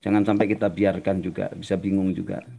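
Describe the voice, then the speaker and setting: Guy on a video call preaching, gravelly voice, folksy explaining. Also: sits low, flat delivery, fast talker, warm tone. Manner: folksy, explains with everyday examples. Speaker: religious teacher. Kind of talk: online Q&A sermon.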